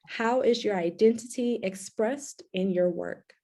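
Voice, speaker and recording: A woman host reads guest introductions in a measured, formal way and then moderates the panel. Her voice is mellow and relaxed. She speaks over a video call. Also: medium pitch. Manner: clear, measured, formal reading. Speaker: co-curator and host.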